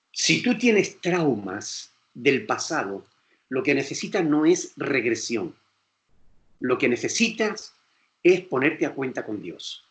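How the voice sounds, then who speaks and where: A man's voice: a little high, a bit bright, roomy sound. A male pastor with a Spain Spanish accent, preaching emphatically and acting out quoted voices. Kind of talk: sermon lecture.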